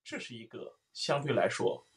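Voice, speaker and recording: A man's voice: mid-range voice, lively intonation, normal speed. A man teaching a singing lesson, explaining resonance and singing vowels aloud to show it. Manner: explains then sings vowels, loud sung demonstrations.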